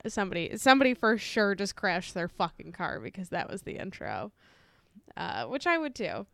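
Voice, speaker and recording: Smooth-voiced woman podcast co-host. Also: mid-range voice, big pitch swings, moderate pace, fairly bright tone, no echo. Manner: laughs often, swears casually. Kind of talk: casual podcast chat.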